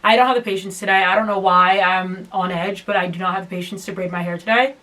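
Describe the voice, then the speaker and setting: A woman's voice: mid-range voice, steady tone, quick pace, a bit bright. Chatty exasperated young woman vlogging. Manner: chatty, exasperated, self-mocking. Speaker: hair vlogger. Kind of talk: casual vlog chat while braiding. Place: at home, indoors.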